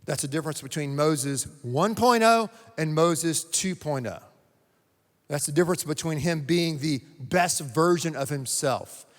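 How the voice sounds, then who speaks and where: A man from North Carolina, a pastor delivering a sermon with emphatic, repetitive phrasing and dramatic pauses. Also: on the high side. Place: church sanctuary. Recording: long reverb of a church sanctuary.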